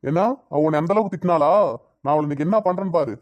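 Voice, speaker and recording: A man's voice: a little high, fast talker, darkish tone, no room sound, lightly acted. A man voicing a protective, scolding father. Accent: Tirunelveli Tamil. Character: protective middle-aged father, quick to scold. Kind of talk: cartoon dialogue.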